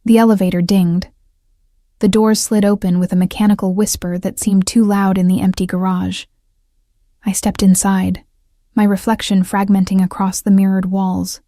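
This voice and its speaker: A woman narrating a first-person romance story in a measured, steady audiobook reading. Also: medium pitch, dry recording, studio quality.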